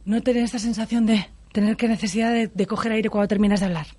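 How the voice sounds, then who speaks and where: A woman from Spain, a speech therapist, calmly explaining breathing and voice use in a radio interview. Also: mid-range voice, quick pace, breathy edge, no echo. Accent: Spain Spanish. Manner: calm, explanatory, many tag questions.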